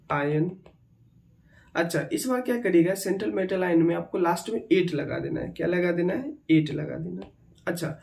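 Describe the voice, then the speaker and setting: Mellow-voiced male chemistry teacher. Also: a little high. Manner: repeats key terms, checks in with students. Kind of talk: online exam-prep lecture.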